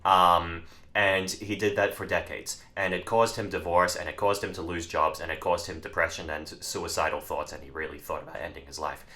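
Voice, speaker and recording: Young male podcast co-host: low, forceful voice, lively and direct with the audience. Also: moderate pace. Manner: animated, addresses viewers directly. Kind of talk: casual discussion.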